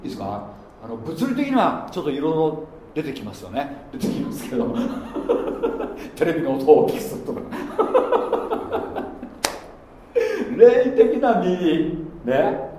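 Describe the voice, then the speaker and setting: A man preaching a sermon as pastor, chatty and animated, often asking his listeners questions. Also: mid-range voice, fast talker. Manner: animated, conversational, asks the congregation questions. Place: church. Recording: very echoey church hall with faint noise.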